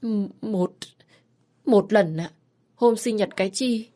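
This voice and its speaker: A woman voicing a frightened seventeen-year-old girl who pleads in halting, apologetic bits. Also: mid-range voice, warm tone, pitched above the performer's own voice, close to an everyday voice. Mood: tearful.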